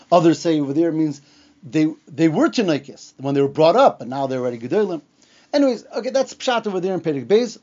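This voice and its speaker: A man's voice: fairly high pitch, warm tone, dull audio. A man with a Yiddish-influenced accent giving an informal religious lesson, reading and explaining texts, posing questions and answering them. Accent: Yiddish-influenced English. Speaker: religious teacher.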